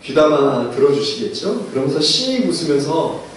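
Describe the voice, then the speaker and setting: A male pastor preaches in a church sanctuary, his pitch lifting and dropping in a lively way as he fires rhetorical questions at the congregation. His voice sits a little high for a man. It comes from a distant mic with heavy room echo and faint background noise. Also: normal speed. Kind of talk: sermon. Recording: echoey church recorded from afar.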